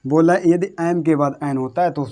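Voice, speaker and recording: A man's voice: fairly high pitch, steady tone, moderate pace, dark tone. A man giving a lesson. He repeats himself, asks the viewers questions and answers them himself, and spells out words letter by letter. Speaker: English teacher. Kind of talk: classroom-style lesson.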